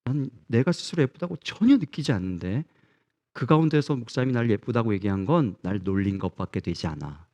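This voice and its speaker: A man's voice: mid-range voice, lively intonation, a little fast, dark tone, muffled recording, close to an everyday voice. Man voicing a wounded churchwoman who feels mocked. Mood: hurt. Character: hurt middle-aged woman, churchgoer who feels mocked.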